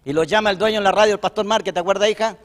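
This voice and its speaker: A man's voice: high voice, steady tone, racing, long reverb tail. A middle-aged man with a Chilean Spanish accent, preaching a sermon as a pastor in a folksy, conversational way and often calling listeners brother.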